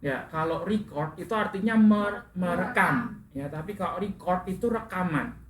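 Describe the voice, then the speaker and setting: A man's voice: high voice, animated, moderate pace, fairly bright tone. Male teacher correcting pronunciation in an echoey classroom. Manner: corrects students' pronunciation and asks questions. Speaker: English teacher. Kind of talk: classroom instruction. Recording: echoey classroom with faint room noise.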